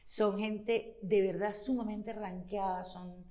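An actress chatting as a guest in an interview, lively and quick to laugh, breaking into accent impressions. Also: female voice, medium pitch. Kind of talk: casual interview chat. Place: studio in Chile.

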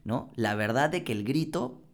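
A man co-hosting a podcast, talking in a reflective, halting way with frequent restarts. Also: medium pitch, animated, vocal fry. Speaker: podcast co-host. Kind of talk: casual conversation.

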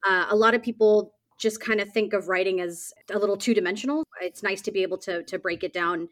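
A woman's voice: medium pitch, fairly even intonation, quick pace, fairly bright tone. A woman co-host thanking a guest in casual conversation, with long, rambling sentences. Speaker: podcast co-host. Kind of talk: casual chat.

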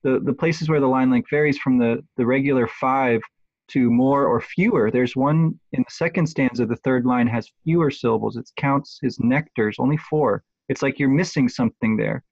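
A man in a relaxed conversation, thinking aloud about a poem with frequent pauses and restarts. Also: medium pitch, creaky, dry recording. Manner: hesitant, many restarts and ums. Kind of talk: thoughtful conversational close reading. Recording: dull lo-fi dry sound.

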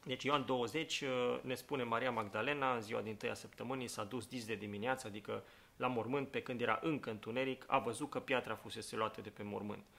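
A pastor leading a Bible study, reading scripture aloud and explaining it in a thinking-aloud way with many fillers and "right?" check-ins. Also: male voice, mid-range voice, fairly even intonation, gravelly, bright, forceful tone.

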